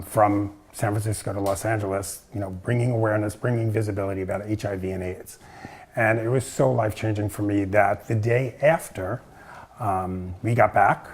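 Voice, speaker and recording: A man's voice: fairly low pitch, husky. A man hosting a casual interview, talking in a chatty way with frequent ums. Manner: chatty, with many ums and uhs. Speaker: host.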